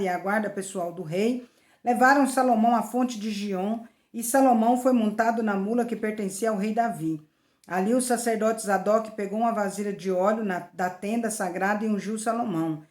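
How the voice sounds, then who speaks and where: A woman missionary reading the daily Bible passage aloud in a measured, expressive way, sometimes correcting herself mid-word. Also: mid-range voice. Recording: roomy echo.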